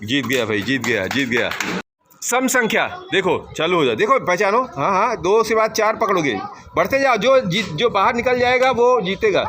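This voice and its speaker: A man's voice: high-pitched, very animated, normal speed. A man coaching children through a game, calling out instructions and encouragement. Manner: encouraging, calls out instructions and praise. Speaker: teacher. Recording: clearly noisy outdoor recording.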